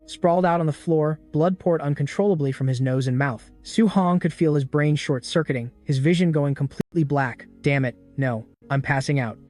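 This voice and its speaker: Give me a man narrating a story recap with hyped drama, over soft music. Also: on the high side, a little fast, hardly any pauses. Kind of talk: scripted narration.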